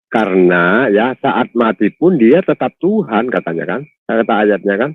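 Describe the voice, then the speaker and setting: A man's voice: lowish voice, sing-song, normal speed, no echo. A man, a debate opponent asking sarcastic, probing questions. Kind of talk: heated debate. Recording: tinny phone-like call audio.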